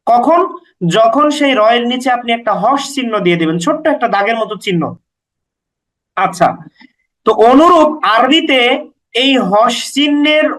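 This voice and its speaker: A man with a strikingly high voice gives a Quran recitation lesson. He works through each rule patiently, repeating letter names and vowel marks slowly so they stick. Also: a bit bright, low-quality recording. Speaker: Quran teacher.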